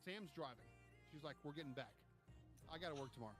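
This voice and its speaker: Give me an animated, foul-mouthed man retelling a trip, with music playing behind. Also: fairly high pitch, fast talker. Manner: animated, profane, acts out quotes. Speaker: podcast co-host. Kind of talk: casual storytelling chat.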